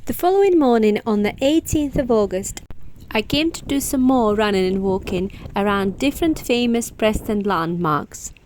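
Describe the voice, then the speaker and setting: A woman's voice: medium pitch, expressive, normal speed, a little mellow, a little hiss or hum. A woman vlogger giving scripted, informative travel narration. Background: music.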